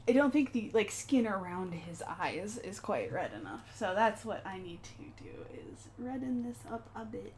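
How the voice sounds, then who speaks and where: A woman's voice: mid-range voice, big pitch swings, moderate pace, hardly any pauses, darkish tone, slight background noise. A woman streaming live while she paints, chatting casually with viewers in a rambling way and laughing often.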